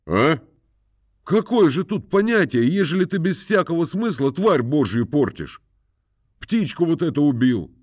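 A man's voice: a little high, very animated, unhurried, no room sound, studio quality, pitched above the performer's own voice. A man voicing a pompous country landowner who scolds and moralizes at length. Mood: scolding. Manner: moralizing, scolding, sing-song.

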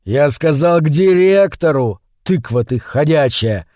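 A pushy shadow spirit with a gruff, slangy way of bossing people around, as a man puts it on. The voice is animated, and the recording is dry and close. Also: fairly high pitch, moderate pace, dry recording, voice pushed up. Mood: bossy. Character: bossy streetwise male shadow spirit.

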